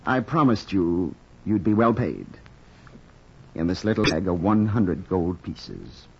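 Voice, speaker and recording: An actor playing a sinister aristocrat who threatens with smooth, menacing politeness, in 1940s radio acting on a muffled old transcription. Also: male voice, low voice, animated, slow pace, darkish tone, slight background noise, exaggerated voice. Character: sinister aristocratic older brother, coldly threatening.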